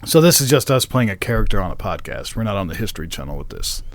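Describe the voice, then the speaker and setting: A man with a lowish, sing-song voice talks quickly in a dry recording with no room sound. He's co-hosting a casual podcast, rambling, swearing freely, and laughing at his own confusion.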